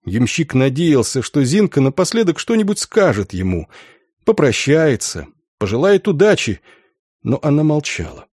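A man reading literary fiction aloud as a narrator, in a measured, expressive delivery. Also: fairly high pitch, slightly rough, no room sound, studio quality. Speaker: audiobook narrator.

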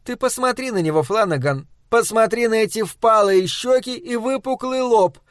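A man reading a storybook aloud, voicing a huge, booming, grumpy shopkeeper's wife who scolds loudly. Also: normal speed, dry recording, studio quality, natural voice. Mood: scolding.

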